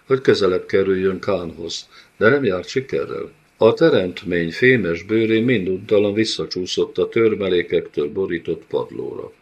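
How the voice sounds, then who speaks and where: A man narrating an audiobook in a measured, dramatic way. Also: low-pitched, husky. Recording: dull lo-fi audiobook recording.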